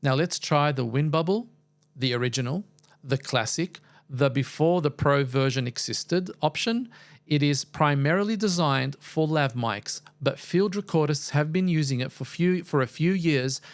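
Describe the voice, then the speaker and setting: A man's voice: fairly high pitch, normal speed. A man narrating a scripted product review as the reviewer, with a wry, playfully exaggerated way of talking.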